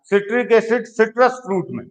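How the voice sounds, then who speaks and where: A man's voice: high voice, fairly quick, rough recording. A man teaching a chemistry lesson, explaining step by step and often checking in with his students. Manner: explains patiently, checks in with "ठीक है". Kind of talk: classroom lecture.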